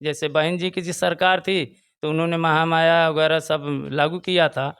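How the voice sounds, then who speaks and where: Earnest Bhojpuri-accented man, clear voice. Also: fairly high pitch, flat delivery, normal speed, fairly bright tone. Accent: Bhojpuri-tinged Hindi of eastern Uttar Pradesh. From Chandauli, Uttar Pradesh. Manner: earnest, repeats his points, rises in emphasis. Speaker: local party booth president, interviewee. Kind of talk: casual political opinion interview.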